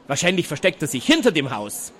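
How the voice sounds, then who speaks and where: A man voicing an excitable elderly inventor professor in a storybook reading, fussy and quick to shout. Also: on the high side, a little hiss or hum. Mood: worried. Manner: agitated, shouts when upset.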